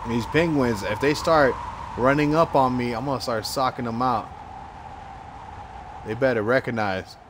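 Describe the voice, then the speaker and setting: A man's voice: mid-range voice, moderate pace, pauses often, background noise. An American man giving casual gameplay commentary, thinking aloud in short, slangy remarks. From United States. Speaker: gamer recording gameplay commentary.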